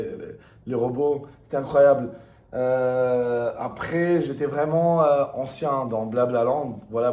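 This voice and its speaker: A man's voice: mid-range voice, darkish tone. Young man in echoey room. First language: not French, learned it through video games. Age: young adult. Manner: enthusiastic, slangy, repeats himself emphatically. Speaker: gamer sharing memories. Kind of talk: casual rambling chat.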